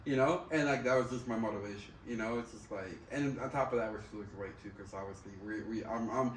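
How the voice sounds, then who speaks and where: A man's voice: lowish voice, fast talker. A man talks in a loose, candid, slangy way, circling back over his phrases and swearing freely. He sounds set back from the microphone in a roomy space, with faint noise behind him. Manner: candid, profane, slangy, repeats himself. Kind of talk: casual chat. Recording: roomy, distant mic, faint background noise.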